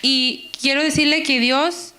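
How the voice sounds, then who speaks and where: A woman's voice: sits high, fairly even intonation, measured pace, sharp tone. A woman preaching in a church, telling a personal testimony with feeling and acting out her own thoughts. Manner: emotional, personal testimony with quoted inner speech. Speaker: guest preacher. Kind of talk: sermon.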